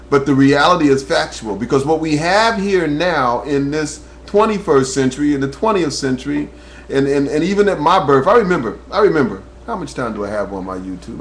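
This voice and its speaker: Recorded on a webcam microphone, this man from New Jersey, USA, a talk radio host, gives a heartfelt monologue with a preacher's cadence that climbs as his personal story unfolds. His pitch is medium, and there's slight background noise.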